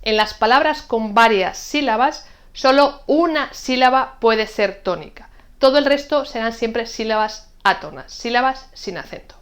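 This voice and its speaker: A woman gives an online Spanish lesson. Her voice sits a little high, and she explains each rule in a clear, patient way, spelling out example words with care. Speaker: Spanish teacher.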